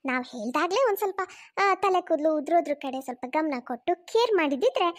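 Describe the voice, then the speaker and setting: Cartoon mother-in-law, high-voiced, lecturing and mocking, as a woman puts her on. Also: animated, fast. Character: scolding older mother-in-law. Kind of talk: cartoon voice acting.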